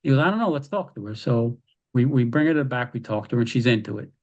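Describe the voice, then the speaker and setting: A man telling wrestling stories as a podcast guest, animated and acting out quoted lines. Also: mid-range voice, quick pace, muffled recording. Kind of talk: casual storytelling.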